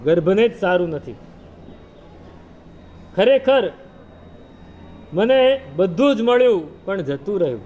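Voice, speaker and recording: A man's voice: sits high, animated, slow, long pauses, a little mellow. A man voicing a grieving pregnant queen who despairs and blames her own fate, in a plaintive, lamenting tone. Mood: despairing.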